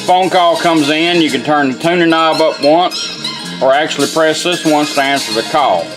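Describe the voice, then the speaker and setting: A man with a mid-range voice gives an informal, plain-spoken, step-by-step hands-on product demonstration. Behind him plays music from the car radio he is demonstrating. The recording is rough.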